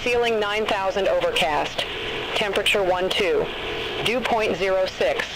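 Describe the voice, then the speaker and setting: A man's voice: sits high, a little slow. A man's automated airport weather broadcast voice, reciting figures digit by digit in set phrasing. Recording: loud background noise.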